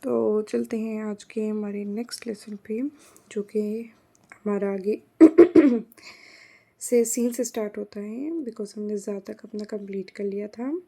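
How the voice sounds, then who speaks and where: A woman teaching Arabic letter names in a patient, slow phonics lesson, repeating each letter and mixing in English words. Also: medium pitch, creaky, mellow. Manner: mixes English words into explanation.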